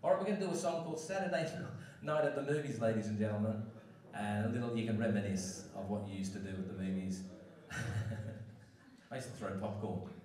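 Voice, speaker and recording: A man's voice: on the low side, brisk. A man from Liverpool, England, singing live on stage and joking cheekily with the crowd between songs. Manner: cheeky, jokey, playful with the crowd. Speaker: singer and entertainer. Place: large hall at a live event. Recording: echoey hall, far from the mic, loud backing music.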